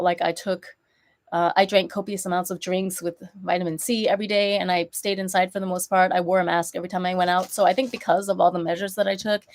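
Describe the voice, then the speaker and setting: Nasal, stuffy woman chatting casually. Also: mid-range voice. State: congested from a recent cold, with a sore throat. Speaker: vlogger. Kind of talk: casual chatty haul vlog.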